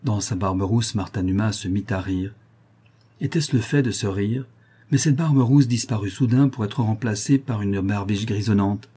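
A man narrating a novel in a measured, even storytelling manner. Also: lowish voice, husky. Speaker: audiobook narrator.

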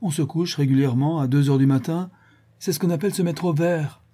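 A man's voice: medium pitch, normal speed, warm tone, slightly rough, natural voice. A man voicing a witty, irritable young man who speaks sarcastically, in a storybook reading. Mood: exasperated.

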